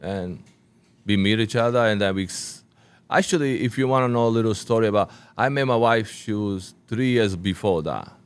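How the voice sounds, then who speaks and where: A middle-aged Sicilian man with a smooth, resonant voice pitched on the low side. He speaks English as a second language, searching for words and restarting his phrases as he talks through an interview. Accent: Sicilian Italian. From Sicily, Italy. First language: Italian. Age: 40s. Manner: halting non-native English with frequent restarts. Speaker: restaurant owner, guest.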